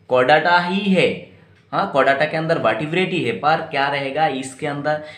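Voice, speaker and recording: A man's voice: medium pitch, a bit bright, reverberant. A male biology teacher lecturing students, spelling out terms letter by letter and quizzing the class.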